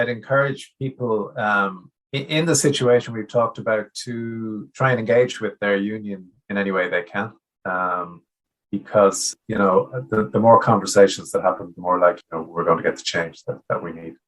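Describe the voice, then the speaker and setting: A man's voice: fairly low pitch, fairly even intonation, moderate pace, fairly bright tone, low-quality recording. A man being interviewed as a trade union guest, speaking with frequent fillers and restarts. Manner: hesitant, many restarts and fillers. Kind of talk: conversational interview.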